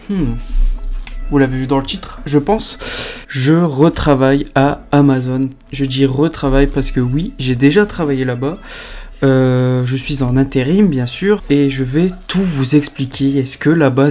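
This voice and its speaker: A man's voice: mid-range voice, a little slow, darkish tone, faint music behind. A young man, talking in an improvised casual vlog with many fillers. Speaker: vlogger. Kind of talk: unscripted casual vlog talk.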